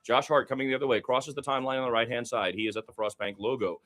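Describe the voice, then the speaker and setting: Here a man with a medium-pitched voice delivers radio-style play-by-play of a basketball game live. When the action speeds up he becomes excitable, and between plays he settles into a conversational tone.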